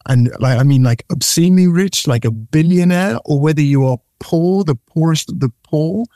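Pitched slightly high and moving at a moderate pace, this middle-aged man speaks on a dry, clean studio recording. Born in Nigeria, he grew up in the UK from age eight and appears as a guest in a loose, informal interview. He's an animated storyteller who keeps repeating words and starting over.

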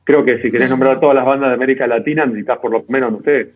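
This guest, a documentary director, speaks very fast with a medium-pitched voice and a steady tone, his Argentine accent clear. He responds conversationally to the interviewer's questions, and the sound is tinny and narrow, as on a phone call.

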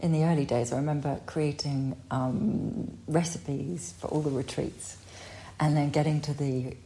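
Low, mellow-voiced woman co-host. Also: fairly even intonation, unhurried. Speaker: podcast co-host. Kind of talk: relaxed conversation. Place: home by a fireplace.

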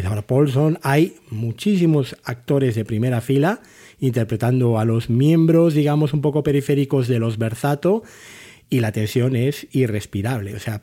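A man's voice: mid-range voice, warm tone. A man hosting a podcast, reviewing TV series with thoughtful enthusiasm. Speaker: podcast host.

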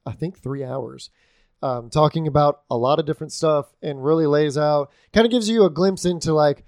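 A man with a slightly high voice explains things earnestly on a gaming podcast. He leans on fillers, and the sound is dry and close. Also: normal speed, a little mellow, no room sound. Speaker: podcast co-host. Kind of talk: casual chat.

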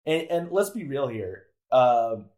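Guy just chatting on a podcast, keeps interrupting himself, says like a lot, swears a bit, pretty average pitch. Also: sing-song, slow pace, a little mellow. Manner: rambling, self-interrupting, frequent "like" fillers; candid, occasionally swears. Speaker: podcast guest. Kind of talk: casual conversation.

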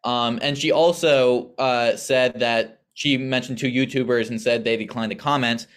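A man's voice: medium pitch, steady tone, normal speed, smooth. Wry young man explaining things casually. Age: young adult. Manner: explanatory, wry, sarcastic asides. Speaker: podcast co-host. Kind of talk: casual podcast chat.

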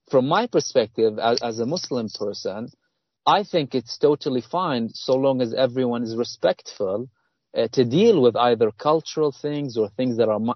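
A man from Palestine speaks earnestly as an interview guest, pausing often with fillers and restarting his sentences. His voice sits in a middle register. The sound is dry and dull, like a remote call. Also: mid-range voice, no room sound. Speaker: author guest. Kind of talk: interview conversation.

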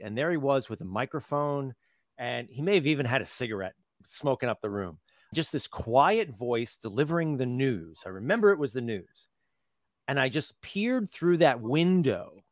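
A man's voice: medium pitch, no echo. A man in his fifties from the United States, a guest in an interview, telling stories in a chatty way and laughing often. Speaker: guest, public relations professional. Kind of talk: conversational interview.

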